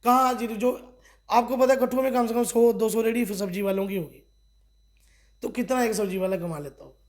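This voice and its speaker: A man's voice: high voice, normal speed. A middle-aged man from Kathua, a district party official, giving a local news interview and pressing his complaints with rhetorical questions. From Kathua, Jammu and Kashmir.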